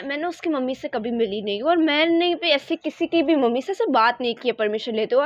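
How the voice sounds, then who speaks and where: A young woman telling a casual storytime about her childhood, animated and often restarting, mixing in English phrases. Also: high-pitched, no echo. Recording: dry, slightly dull lo-fi mic.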